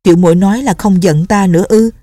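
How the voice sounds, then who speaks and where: A sly young male swordsman, gentle on the surface and full of mock remorse, as a woman reads him in her own low, mellow voice. The sound is dry and close. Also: quick pace, dry recording, lightly acted. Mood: mock-remorseful.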